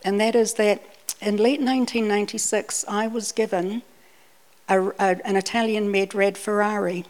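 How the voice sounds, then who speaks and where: At normal speed, with a steady, medium-pitched, slightly mellow voice, a woman shares a personal sermon built around anecdotes. Her delivery is conversational, with repeated words when she restarts, and she is Scottish by birth and raised in New Zealand.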